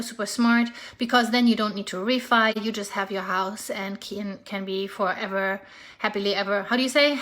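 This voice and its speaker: A real estate agent with a German accent gives her viewers a casual, upbeat market update, addressing them directly. Her mid-range voice is a bit bright, and she comes across as chatty and persuasive, making small slips along the way.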